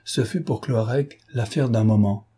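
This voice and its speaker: A man narrating a nineteenth-century novel in a measured, dramatic reading. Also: medium pitch, dark tone, breathy edge. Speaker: audiobook reader. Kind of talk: literary narration.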